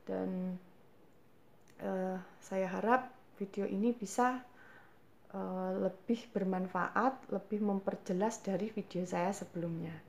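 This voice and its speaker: In a mid-range, slightly mellow voice, a woman with a Javanese accent hosts a cooking channel's home baking lesson. She answers viewers' questions with patience and explanation, addresses them as mothers, and frequently pauses with hesitation fillers.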